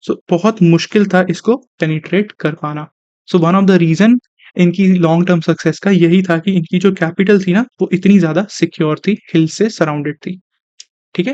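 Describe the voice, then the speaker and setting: A man's voice: high-pitched, darkish tone, no room sound. A young male teacher gives an online exam-prep lecture, mixing Hindi with terms and asking and answering his own questions. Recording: dry, slightly dull recording.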